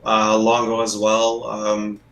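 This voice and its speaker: A man in his fifties chatting on a podcast, speaking haltingly with many pauses and restarts. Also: fairly low pitch, completely flat delivery, fairly bright tone. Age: 50s. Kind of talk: casual chat. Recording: roomy echo.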